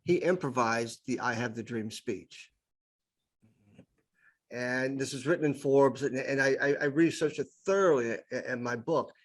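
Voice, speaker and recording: Speaking a little slowly in a medium-pitched voice, a middle-aged podcast guest who does improv shares stories conversationally. He's enthusiastic and tends to repeat words as his point takes shape.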